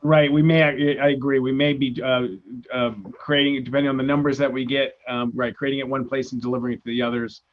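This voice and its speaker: A man's voice: mid-range voice, flat delivery, brisk. Hesitant man, dull lo-fi sound. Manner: hesitant, agreeable. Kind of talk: answering questions on a video call. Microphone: video call.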